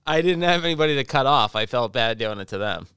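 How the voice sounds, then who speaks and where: Smooth, lively male podcast co-host. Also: medium pitch, no echo, clean studio sound. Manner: teasing, quick back-and-forth. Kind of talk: casual podcast banter.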